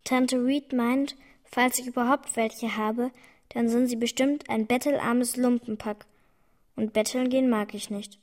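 A woman's voice: a little high, steady tone, measured pace, close to an everyday voice. An actress playing a young orphan girl who answers frankly, proudly and seriously in an audio drama. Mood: frank, guarded.

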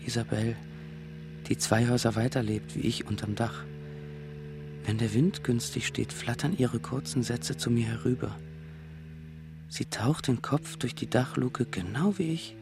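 A man reading a first-person literary text for an audio drama, in a quiet, reflective manner. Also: mid-range voice, creaky. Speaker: narrator. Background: music.

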